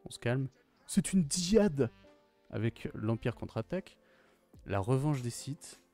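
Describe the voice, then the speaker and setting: Young man, excited casual review, slang-heavy, repeats exclamations, mid pitch, soft music in the background. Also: takes it slowly. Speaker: YouTuber reviewing films.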